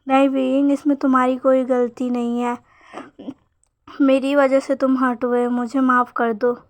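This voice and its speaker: A woman reading as a quiet remorseful young husband. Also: high voice, level tone, unhurried, dry recording.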